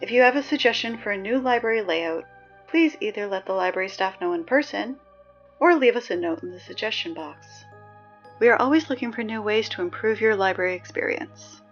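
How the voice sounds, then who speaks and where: Here the young actress's teenage announcement-reader comes across annoyed, her chatty, sardonic, emphatic delivery animated and fairly quick. The acting is light, the recording loses its high end, and faint music plays in the background.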